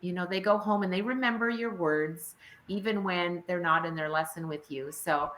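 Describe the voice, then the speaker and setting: A woman with a bright, forceful voice hosts the interview. She is an experienced music teacher who encourages her guest effusively. Her voice sounds echoey, as if recorded in a roomy space. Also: lowish voice, normal speed, a little hiss or hum. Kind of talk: casual video interview. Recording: roomy echo.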